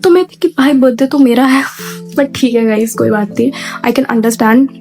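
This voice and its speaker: A woman's voice: on the high side, normal speed, darkish tone, soft background music. A young woman telling a storytime in a chatty, exasperated way, mixing Hindi with English phrases. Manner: exasperated retelling. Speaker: storytime vlogger. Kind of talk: casual storytime.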